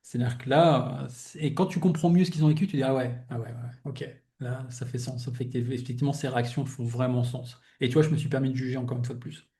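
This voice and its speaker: A young adult man hosts a casual heartfelt conversation, his voice mellow and warm at a middling pitch. He muses out loud in a loose, rambling way, circling back and restarting his thoughts. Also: fairly even intonation, quick pace, few pauses. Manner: reflective, rambling, fills with "tu vois". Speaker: podcast host interviewing a guest.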